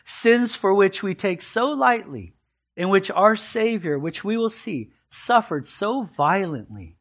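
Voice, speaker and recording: This pastor's notably high voice moves slowly, with lively intonation, through an expository sermon from the pulpit. Earnest and emphatic, he often repeats a phrase to drive home what he means.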